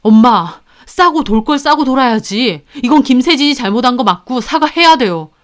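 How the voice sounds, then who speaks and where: A woman's voice: on the high side, animated, brisk, a bit bright. A woman voicing an exasperated young husband who firmly scolds his sister and his mother.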